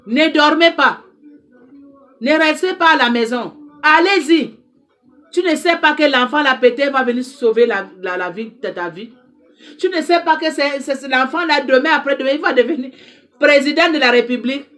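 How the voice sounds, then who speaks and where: A woman with a high, lively voice and a fairly bright tone speaks at a moderate pace. French is not her first language, and she addresses the camera passionately as an advice counselor, urging her listeners on with emphatic repetition.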